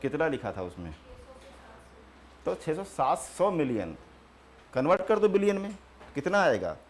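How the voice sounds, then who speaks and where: A man teaching a geography class, repeating terms slowly for notes and answering his own questions. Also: fairly high pitch, big pitch swings, slight background noise. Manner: repeats key terms slowly for students to write.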